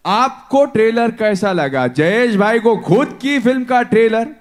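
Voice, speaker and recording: Guy mc on stage, super high voice, slow drawn-out loud calls to the crowd. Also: animated. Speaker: event host. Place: indoor stage event.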